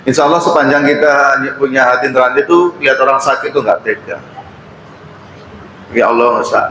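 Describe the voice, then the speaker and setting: A middle-aged man with an East Javanese accent gives a mosque sermon in a relaxed, storytelling way, slipping into Javanese phrases. His pitch sits in an ordinary middle range. The room is roomy and echoing, with faint ambience behind him. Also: brisk, slight background noise. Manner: casual storytelling with Javanese asides. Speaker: preacher. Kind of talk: mosque study-circle sermon. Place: mosque hall.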